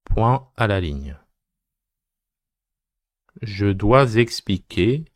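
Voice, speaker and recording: A man's voice: fairly low pitch, sing-song, drawn-out words, no echo, studio quality. A man dictating a text as a teacher, phrase by phrase, repeating each short phrase and speaking the punctuation aloud.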